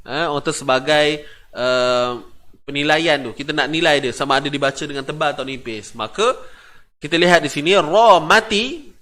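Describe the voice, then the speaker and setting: Man, Malaysian Malay accent, Quran recitation teacher, slightly high voice, patient, repeats syllables, chants verses. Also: moderate pace, pushed and bright. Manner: patient, repeats syllables, asks the class questions. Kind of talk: tajwid lesson with chanted recitation.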